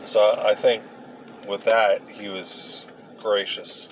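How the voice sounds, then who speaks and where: A man casually rambling through old memories, halting and hesitant as he searches for details. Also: lowish voice, level tone. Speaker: vlogger recounting memories. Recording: noisy, with vehicle and ambient sound.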